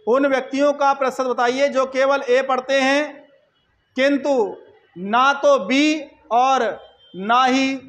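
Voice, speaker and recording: A man teaching an exam-prep math lesson, repeating each point and checking in with quick questions to his listeners. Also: extremely high pitch, a bit bright, low-quality recording.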